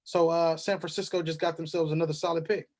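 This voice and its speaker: A man's voice: a little high, little pitch movement, quick pace. A man on a sports talk panel, confidently breaking down draft picks.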